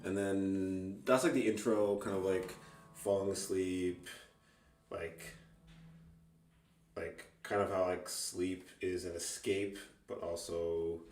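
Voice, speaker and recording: An amateur singer-songwriter speaks in a low, slightly mellow voice with fairly even intonation and a slow pace. His talk is casual and unscripted for a music vlog, rambling, hesitant and self-deprecating. The room sounds roomy, with a distant mic and faint guitar behind him.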